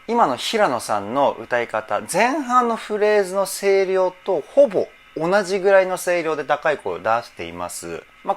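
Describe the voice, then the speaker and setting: A man working as a vocal trainer, analyzing singing in a reaction video, emotional and teary, often laughing. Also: fairly high pitch. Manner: emotional, repeatedly laughing and moved.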